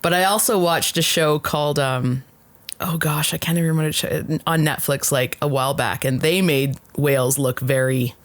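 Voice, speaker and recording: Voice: medium pitch, normal speed, dry recording. A podcast co-host chatting casually, hesitant with many fillers. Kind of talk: casual chat.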